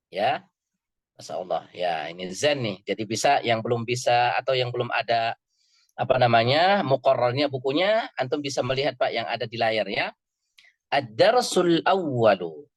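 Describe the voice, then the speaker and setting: A man's voice: mid-range voice, dry recording. A man teaching an Arabic class in a casual, joking way, chatting with his students and often laughing. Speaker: Arabic teacher at a study circle.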